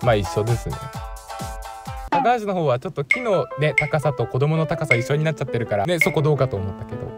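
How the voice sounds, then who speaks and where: A man's voice: fairly high pitch, very animated, fast, over loud music. A man with a Tsugaru accent from Aomori, playfully giving a dialect quiz lesson and reading sentences aloud. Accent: Tsugaru dialect of Aomori, Japan. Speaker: quiz setter teaching a dialect.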